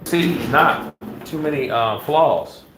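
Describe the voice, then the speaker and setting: Fresh from the gym, an American man hosts a relaxed boxing live-stream, reading the live chat aloud. His fairly high voice moves with lively intonation at a slow pace, and he talks loosely, repeating himself to drive points home over some background noise.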